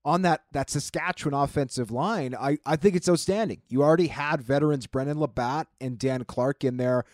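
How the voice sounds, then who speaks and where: A male co-host of a sports talk show speaking in a casual, conversational way. He often repeats a word or two as he gets going. His voice sits at a middle pitch, and the recording sounds dry and close. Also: brisk, darkish tone, no room sound. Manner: conversational, repeats words when starting a thought.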